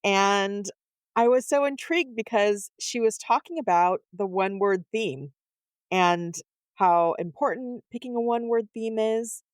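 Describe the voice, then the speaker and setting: Female podcast co-host, middle-aged, medium pitch, conversational delivery, very dry studio-like sound. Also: a little slow, clean tone, no room sound. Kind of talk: casual conversational podcast talk.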